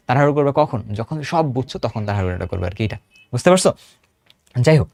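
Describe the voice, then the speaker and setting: A man's voice: mid-range voice, darkish tone, no room sound. A man in his thirties with a Bangladeshi Bengali accent, teaching an online exam-prep chemistry lesson in a chatty way, repeating phrases and quizzing his students.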